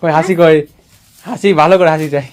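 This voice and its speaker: A man's voice: fairly high pitch, steady tone, moderate pace. A man filming a casual home vlog, teasing and coaxing a child in a playful way, often repeating his words. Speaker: vlogger.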